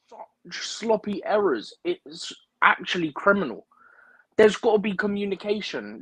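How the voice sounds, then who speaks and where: A guest pundit on a fan livestream delivers opinionated, rambling football analysis in casual chat, often checking in with "right?". His voice is a little high, a bit bright and slightly rough, with no echo. The audio is poor, his remote livestream mic drifting in and out.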